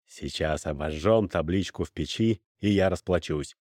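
Gruff old merchant, as a male reader puts him on, deep, firm, dry sound. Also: moderate pace, darkish tone, dry recording. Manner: firm, businesslike. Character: stern older male merchant, a hard bargainer.

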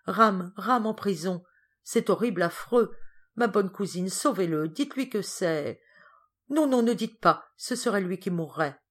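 A woman's voice: mid-range voice, lively intonation, a little slow, pitched above the performer's own voice. A woman voicing a frail, tearful young girl who speaks in a pleading, breathless way in a storybook reading. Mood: anguished.

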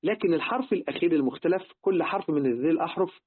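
Egyptian male religious teacher, fairly high voice, rapid delivery, tinny lo-fi phone-like sound. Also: animated, husky. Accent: Egyptian Arabic. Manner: rhetorical questions to listeners, repeats key words. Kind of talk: Quran word-meaning lesson.

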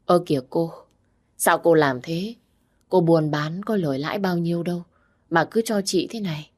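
A woman voicing a meek, deferential sister-in-law who talks softly. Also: lowish voice, moderate pace, close to an everyday voice.

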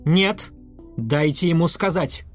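A man's voice: on the high side, normal speed, slightly rough, soft background music. A man voicing an old, trembling male councillor who cries out to be heard. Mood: pleading.

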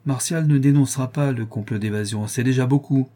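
A man reading aloud and voicing a rough, outspoken working-class woman in an audiobook. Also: mid-range voice, brisk, mellow, natural voice. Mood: blunt. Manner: gruff and outspoken.

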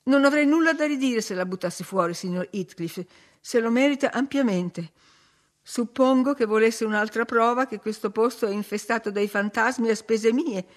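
A woman reading an audiobook, voicing a frightened, apologetic gentleman tenant with raised, urgent exclamations. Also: on the high side, moderate pace, lightly acted. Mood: flustered urgency.

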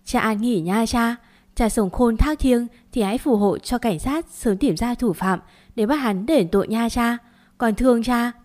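A woman's voice: a little high, unhurried, darkish tone, lightly acted. A woman voicing a wronged young daughter-in-law who pleads her innocence in a choked voice. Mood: pleading.

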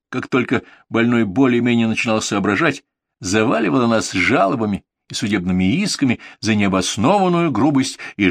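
A man's voice: on the low side, fairly bright tone, no room sound. Man reading a story, dry and ironic. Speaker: narrator. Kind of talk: audiobook narration.

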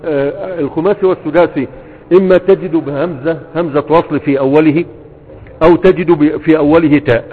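A man's voice: a little high, steady tone, breathy edge. Man teaching grammar in an Egyptian accent. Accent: Egyptian Arabic. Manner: repeats verb patterns slowly, asks "تمام؟" to check understanding. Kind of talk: spoken lesson explaining verse on Arabic morphology. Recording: phone-like sound with a long reverb.

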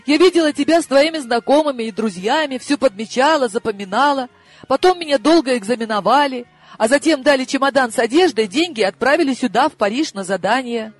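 A woman voicing a frightened, naive young woman held captive, squeaking and whimpering her answers. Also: lively intonation, fast. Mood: tearful.

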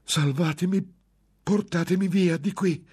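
A man's voice: a little high, measured pace, darkish tone, breathy edge, pitched above the performer's own voice. A man voicing a terrified, desperate male monk in an audiobook reading, pleading and breathless with fear.

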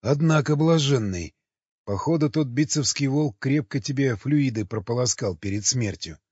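A man voicing a rough male cannibal wanderer who talks bluntly in slang, in an audiobook. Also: medium pitch, lively intonation, moderate pace, a little mellow, dry recording. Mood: gruff. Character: gruff male cannibal wanderer, sensing things. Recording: dull lo-fi audio with faint music.

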